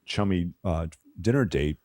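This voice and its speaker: A man's voice: sits low, animated, a little slow, warm tone, no room sound, clean studio sound. A man co-hosting a podcast, talking through a movie in a loose, profane way with lots of "you know" fillers. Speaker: podcast co-host. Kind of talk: casual film discussion.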